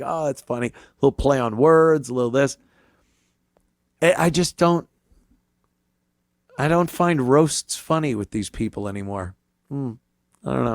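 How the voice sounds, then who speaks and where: Jaded, gravelly male talk host. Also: mid-range voice, dry recording, clean studio sound. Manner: blunt, profane, jaded. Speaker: talk show host, comedian. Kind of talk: casual opinion monologue.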